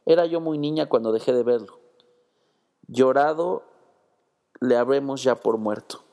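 A man voicing a gentle, timid teenage girl who speaks softly and with wonder, in a read-aloud story. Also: mid-range voice, measured pace, gravelly, long reverb tail. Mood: wistful.

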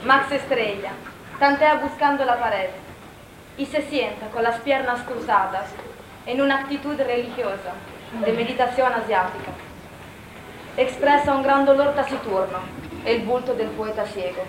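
A woman narrates a stage drama from a script in a high voice. The room echoes, and noise is clearly audible behind her. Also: measured pace.

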